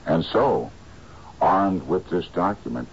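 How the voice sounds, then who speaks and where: An actor playing a shrewd private detective in a drama, talking in a dry, deliberate, sardonic way. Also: male voice, deep voice, lively intonation, creaky, dull audio, slight background noise, exaggerated voice. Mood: sardonic, scornful. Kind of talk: screen drama acting.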